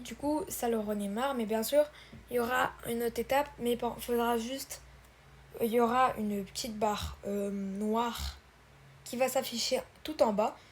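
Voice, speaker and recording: Slightly high and a little mellow, this woman's voice comes with faint background noise. She's running a laid-back screen-recorded tutorial, stumbling through fillers and restarts while addressing viewers as "guys" and "brothers."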